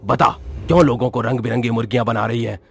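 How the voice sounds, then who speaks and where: A man's voice: medium pitch, fairly even intonation, fast, gravelly, natural voice. A man voicing a stern male sorcerer in a cartoon, in a commanding, scornful tone.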